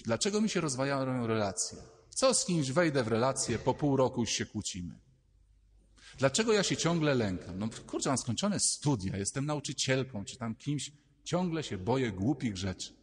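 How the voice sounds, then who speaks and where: A man, a priest, giving a lively, conversational sermon and acting out little inner voices as he speaks. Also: medium pitch, moderate pace, slightly rough, big-room sound.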